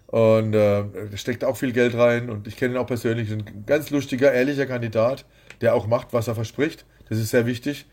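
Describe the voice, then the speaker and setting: A boxing promoter sits as the guest in a laid-back interview, speaking a little fast with a steady, darkish, medium-pitched voice. He is blunt and tends to ramble.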